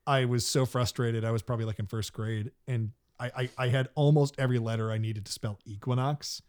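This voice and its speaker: A man's voice: mid-range voice, fairly even intonation, a little fast, darkish tone, clear, resonant tone. Guy rambling on a podcast, laughs a lot, lots of likes and ums. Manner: rambling, laughs often, many fillers. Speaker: podcast co-host. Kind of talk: casual chat.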